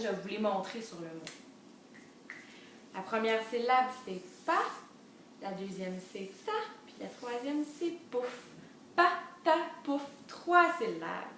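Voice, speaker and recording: Animated woman reading aloud, echoey room. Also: mid-range voice, a little hiss or hum. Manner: animated, sing-song storytelling, slow and spelled-out letter by letter. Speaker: children's librarian reader. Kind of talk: enriched read-aloud for toddlers with phonics teaching. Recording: echoey room, mic at a distance.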